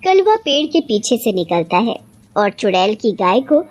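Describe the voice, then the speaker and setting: A woman narrating a scripted cartoon bedtime story in a plain, steady storytelling manner. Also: medium pitch, measured pace.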